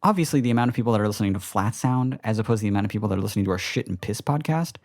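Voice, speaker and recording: A man's voice: on the low side, expressive, racing, darkish tone, no room sound, clean studio sound. Rambling, swearing man in his twenties. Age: 20s. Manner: rambling, profane, self-deprecating. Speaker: podcast co-host. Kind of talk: casual chat.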